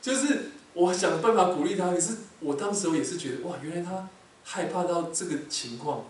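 A man preaching a sermon to a congregation, animated and asking them frequent questions. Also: sits high, brisk. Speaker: pastor. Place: large echoey hall, church. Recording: very echoey hall, distant mic, faint background noise.

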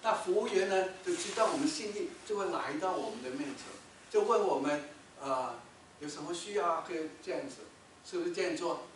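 Male pastor with a high voice, storytelling sermon; booming reverb, mic distant. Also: brisk, slight background noise. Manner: storytelling, rhetorical questions, loud when quoting shouts. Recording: echoey hall, mic from far off.

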